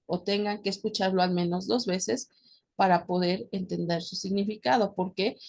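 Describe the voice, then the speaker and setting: A Mexican woman teaching a class, her voice sitting at an ordinary middle pitch. She explains step by step and keeps checking that her students follow. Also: darkish tone. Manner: addresses students directly. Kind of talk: recorded class lecture.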